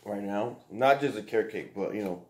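A man's voice: lowish voice, brisk, a little hiss or hum. A man vlogging at home while eating, rambling casually to pets and viewers between bites. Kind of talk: casual mukbang vlog. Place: home, indoors.

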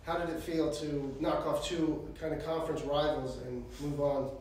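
A man reporter asking measured questions at a press conference. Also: a little high, steady tone, darkish tone, slight background noise. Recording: distant, very echoey room.

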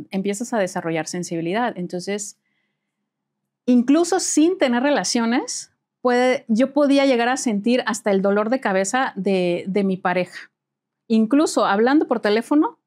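A woman, a spiritual healer guest in an interview, telling stories lively and acting out the dialogue. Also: fairly high pitch, normal speed. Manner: lively, acts out dialogue in quoted voices, laughs often. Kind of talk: storytelling in an interview.

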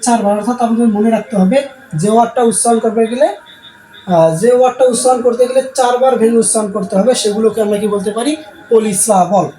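Talking fast in an extremely high-pitched, warm voice, a male English teacher leads a classroom lesson, over and over answering the questions he asks. There's a roomy sound and some faint background noise.

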